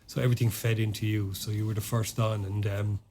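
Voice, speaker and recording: An Irish former soldier, a guest in a casual podcast chat, speaks briskly in a low, flat, dark voice, with a little hiss or hum in the recording. He's hesitant and keeps restarting sentences, padding them with fillers.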